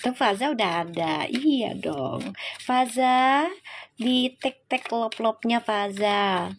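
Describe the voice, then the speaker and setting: A middle-aged woman speaks with a high voice. She is a tarot reader telling stories on a livestream. She laughs often and chats directly with her viewers. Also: slow pace, slight background noise. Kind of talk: casual livestream storytelling.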